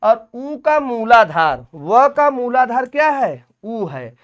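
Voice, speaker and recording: Slow drawn-out hindi teacher, smooth clear voice, keeps asking then answering itself, muffled lo-fi sound. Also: mid-range voice, sing-song. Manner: asks questions aloud and answers them, repeats each point. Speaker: Hindi grammar teacher for exam prep. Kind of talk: exam-prep lecture. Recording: dull lo-fi recording.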